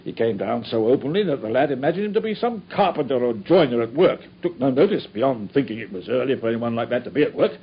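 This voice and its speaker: An actor plays a dogged, proud male police inspector recounting a case in a radio drama, earnest and brisk as he tells the story. His mid-range voice is animated yet close to everyday speech, on a dull old radio recording with faint noise.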